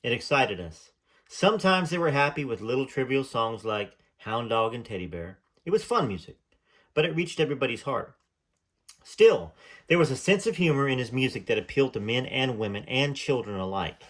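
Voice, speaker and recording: His medium-pitched voice is sing-song and fairly bright, moving at a moderate pace. The channel host reads a memoir aloud sincerely, stopping at times to chat hesitantly.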